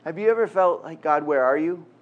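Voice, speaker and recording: With a fairly high pitch and a slightly fast pace, a middle-aged Canadian-accented man from Quebec preaches as a guest. His sermon is conversational, with self-deprecating jokes and prayer, captured in lo-fi sound.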